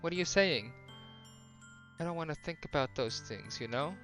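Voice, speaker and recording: A man voicing a shy, anxious teenage girl in love, speaking softly and haltingly. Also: a little high, expressive, faint music behind, voice pushed up. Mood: hesitant. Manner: soft, hesitant, halting.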